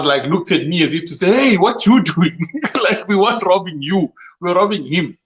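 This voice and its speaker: A man's voice: medium pitch, sharp tone. A man in his thirties with a Durban South African accent, telling a story in a casual chat, laughing often and acting out voices. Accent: South African English, Durban. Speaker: co-host. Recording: muffled mic.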